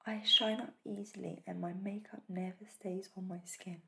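A woman in an ASMR role-play as a spa facial therapist, speaking in a soft, breathy soft voice with a gentle, reassuring manner. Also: mid-range voice, fairly even intonation, moderate pace.

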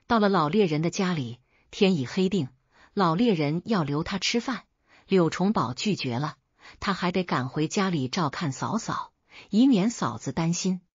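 A woman narrating folk tales as a storyteller, in a steady, even reading. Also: lowish voice, moderate pace, slightly rough, no room sound. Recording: dull dry recording.

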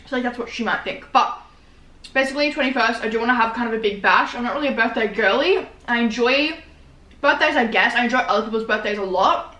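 Casting: Australian woman, 19, slightly high voice, rambling casual mukbang eating vlogger, roomy indoor sound. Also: fast, pushed and bright. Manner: informal, slangy, rambling. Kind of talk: casual chatty mukbang vlog while eating. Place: small living room, indoors.

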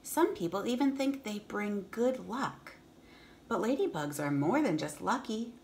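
A woman in her thirties, mid-range and slightly mellow, reads a picture book aloud at a measured pace with lively intonation. Acting as a teacher, she speaks clearly for young listeners and explains as she goes. Slight background noise fills the room in her home.

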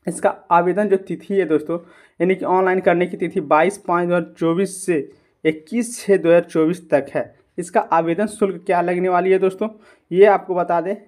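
This YouTube channel host has a high, darkish voice as he walks viewers through a screen-recorded tutorial. He keeps calling them friends and often poses questions he then answers himself.

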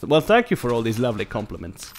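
A man's voice: mid-range voice, very animated, fast, a little hiss or hum. A young man doing casual gameplay commentary, rambling to himself with crude jokes. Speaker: game streamer. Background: game music and sound.

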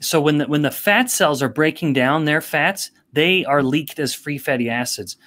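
A man as a podcast guest, explaining things in a measured, careful way. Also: on the high side, fairly bright tone. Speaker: guest expert. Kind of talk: podcast interview.

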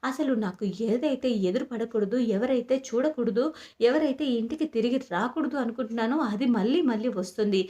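A scheming, resentful young woman, read out by a woman narrator in a serial recap. She talks bitterly and defensively. The voice stays close to the narrator's own, somewhat high voice. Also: brisk, mellow, lightly acted.

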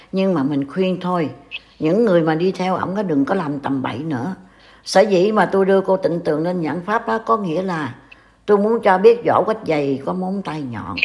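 A woman's voice: lowish voice, normal speed, a little mellow. An older woman from Vietnam with a Southern Vietnamese accent, scolding and warning in a casual online talk. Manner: scolding, reproachful. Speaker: commentator.

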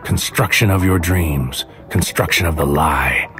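In this surreal audio drama, a deep-voiced man plays a hitman who is brooding, haunted, and paranoid. He narrates a scripted, noir-flavored inner monologue in a deliberate, poetic way, frequently slipping into a whisper. Music runs under his voice.

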